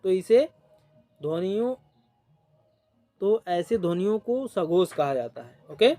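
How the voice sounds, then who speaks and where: A man's voice: sits high, animated, slow, dark tone. A man teaching an exam coaching lesson who speaks. He repeats each definition and checks in with short "ok" and "theek" prompts.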